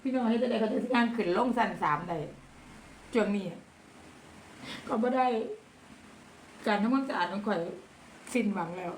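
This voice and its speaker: A woman's voice: on the high side, moderate pace, long pauses. A middle-aged woman with an Isan accent chatting casually on a live stream, thanking viewers and mixing dialect words into her talk. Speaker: livestream seller. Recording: echoey room with background noise.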